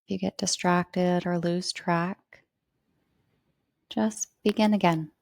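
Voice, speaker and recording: Slow, gravelly-voiced woman guiding relaxation. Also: lowish voice, steady tone, dry recording, clean studio sound. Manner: slow, soothing, spacious phrasing. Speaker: yoga teacher. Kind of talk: guided relaxation.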